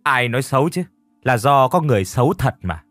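A man's voice: mid-range voice, lively intonation, a little fast, fairly bright tone, no echo, faint music behind. A man voicing a blunt, weary old grandmother in an audio story, grumbling in a level voice.

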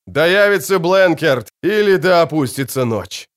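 A man voicing a grim male army commander who speaks in a gruff, curt way. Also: fairly high pitch, lively intonation, unhurried, a bit bright, voice pushed up.

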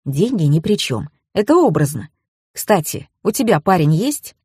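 A curt, stern young man, gruff and protective, speaking low and slow in a dry, close recording, as a woman reads him in an audiobook. His husky tone stays flat and blunt. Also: no echo, heavily acted. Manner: curt and stern, lower and slower.

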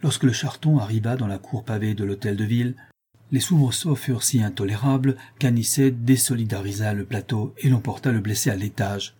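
A man narrating a historical novel as an audiobook, in a measured, even storytelling manner. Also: lowish voice, breathy edge.

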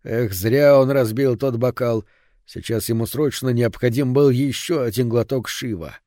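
A man narrating an audiobook in an even, measured reading voice. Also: medium pitch, no room sound, studio quality. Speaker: audiobook reader.

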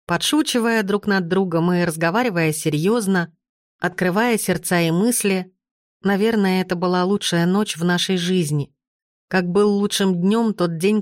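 A woman narrating an audiobook in the first person, with steady, even storytelling. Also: lowish voice, dry recording, clean studio sound.

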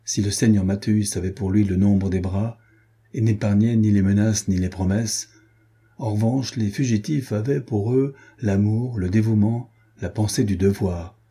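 Male audiobook narrator, very dark and husky tone, even measured reading. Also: lowish voice. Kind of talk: scripted narration.

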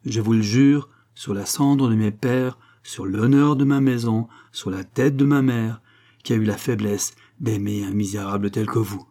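A man's voice: lowish voice, steady tone, measured pace, dark tone. A man voicing a thirteen-year-old boy duke who speaks with firm, solemn command. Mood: coldly resolute.

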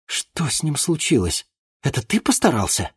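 A man voicing a brisk, energetic young woman nurse with a firm, insistent manner. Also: mid-range voice, slightly rough, no room sound, clean studio sound, pitched above the performer's own voice, heavily acted.

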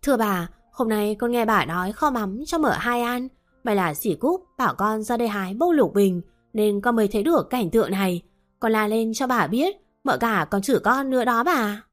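A woman's voice: animated, normal speed, faint music behind, natural voice. Woman doing a frantic shrieking servant girl. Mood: pleading. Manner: shrill panicked shouting.

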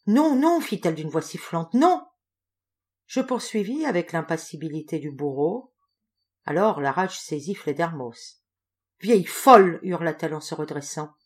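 A woman narrating a literary audiobook, her voice sitting slightly low. She reads expressively and dramatically, leaning into the tension of the tale. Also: a little mellow. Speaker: volunteer audiobook reader.

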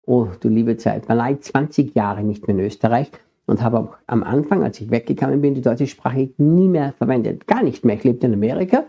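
A man's voice: medium pitch, fairly quick, gravelly, mellow, slightly rough. A middle-aged man with an Austrian accent preaching a sermon, earnestly addressing his congregation. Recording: dull lo-fi sermon recording.

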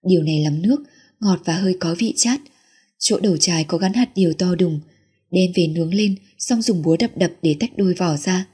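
Very husky, mellow woman storyteller. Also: fairly low pitch, a little fast. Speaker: audiobook narrator. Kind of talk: first-person storybook narration.

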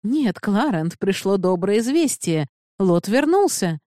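A woman voicing a stern elderly noble lady who speaks in a brisk, firm, coaxing way. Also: mid-range voice, sing-song, dark tone, dry recording, clean studio sound, voice pushed up.

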